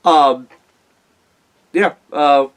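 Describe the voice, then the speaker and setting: A man hosting a wrestling show in a casual, halting, conversational way. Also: a little high, smooth.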